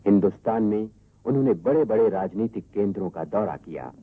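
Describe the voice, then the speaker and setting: A man giving a measured, formal documentary narration, heard from an old worn tape recording. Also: lowish voice, animated, dark tone, husky, no room sound, rough recording.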